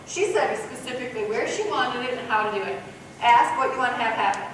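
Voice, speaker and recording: A woman giving a parenting workshop to a live group, animated, acting out parent and child voices. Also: on the high side, fast talker, distant mic, a little hiss or hum. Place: workshop room. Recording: echoey room recorded from afar.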